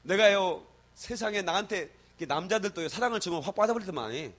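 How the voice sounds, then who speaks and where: A middle-aged male pastor preaching a sermon in a church, telling personal stories in a lively colloquial way, swinging from loud exclamations to soft asides and often checking in with the congregation. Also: high voice, fast talker. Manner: colloquial, addresses congregation with repeated "예?". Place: church sanctuary.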